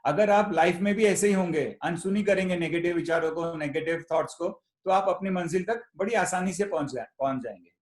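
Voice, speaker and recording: A man's voice: high-pitched, fairly quick, few pauses, roomy sound. A man giving a motivational talk at a club meeting. He tells a story and often repeats his words. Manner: storytelling, repeats words, mixes Hindi and English. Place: meeting room.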